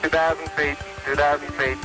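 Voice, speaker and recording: A man's voice: fairly high pitch, level tone, moderate pace, over music, low-quality recording. A man, a spacecraft crew member, calling out terse numeric reports over a two-way radio transmission. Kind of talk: clipped radio call-outs.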